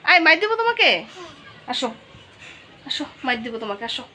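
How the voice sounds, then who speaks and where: A woman's voice: sits high, sing-song, brisk, background noise. A young mother at home talking to her little child in a playfully scolding way, asking the same questions again and again, recorded on a phone. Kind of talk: casual home vlog scolding.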